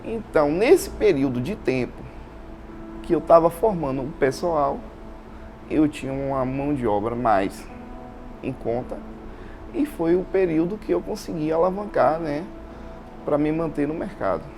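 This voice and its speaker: A man from Salvador, Bahia, Brazil, who owns an installation business, tells his own story informally as an interview guest, with background music playing. His Bahian accent carries a fairly high, animated, darkish voice at normal speed, with frequent pauses, repeated phrases and many tag questions.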